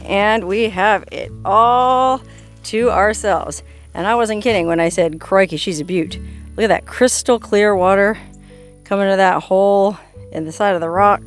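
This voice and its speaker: A woman travel vlogger talking outdoors in a desert canyon, in a casual, playful and jokey way. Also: mid-range voice. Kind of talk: casual vlog narration.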